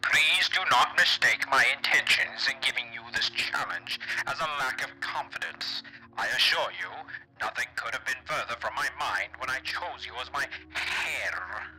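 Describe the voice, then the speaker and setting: A man voicing a dignified old gentleman, reading his letter in formal, measured tones through an old gramophone-style filter. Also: mid-range voice, voice pushed down, low-quality recording. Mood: solemn. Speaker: streamer reading a game letter.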